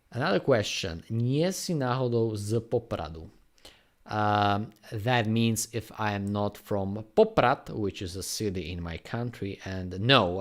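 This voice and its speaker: Slow-talking man with a Slovak accent. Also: medium pitch. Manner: unhurried, rambling, answering chat questions. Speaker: graffiti artist live streamer. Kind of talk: casual live stream chat.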